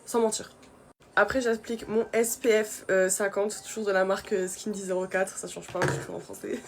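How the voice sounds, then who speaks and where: A woman's voice: medium pitch, fairly even intonation, moderate pace, noisy background. A young woman from France chatting casually through her skincare routine, with many fillers. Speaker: beauty vlogger.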